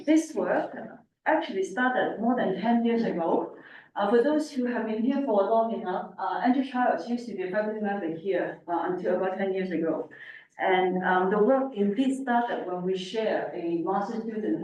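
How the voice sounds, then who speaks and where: A woman giving an informal technical lecture through a face mask, halting as she explains. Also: mid-range voice, darkish tone. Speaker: academic lecturer, researcher. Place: indoor lecture room. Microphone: distant room microphone. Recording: very echoey, distant, faint room noise.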